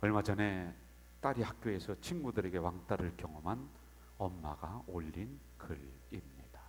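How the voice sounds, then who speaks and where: A male pastor giving a dramatic sermon in a church, swinging between loud outbursts and hushed whispers. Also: deep voice, lively intonation, moderate pace, husky. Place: church sanctuary. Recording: long church hall reverb.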